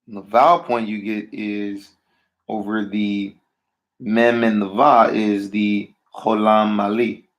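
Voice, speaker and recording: A man's voice: fairly low pitch, little pitch movement, slow. A man teaching a language lesson to a class. He keeps checking in with "right?" and puts questions to the students. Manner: checks in often with "right?" and "all right?"; asks the class questions and waits. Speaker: Hebrew teacher.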